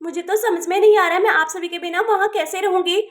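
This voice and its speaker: A tearful, affectionate young bride from a village doll drama, voiced by a woman. She talks in an emotional, pleading way, in a very high, bright voice. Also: steady tone, fast.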